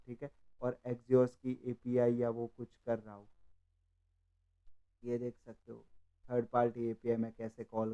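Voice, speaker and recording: Coding trainer selling his course, persuasive, smooth and mellow, lo-fi sound. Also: mid-range voice. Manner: persuasive, explaining. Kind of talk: screen-share walkthrough.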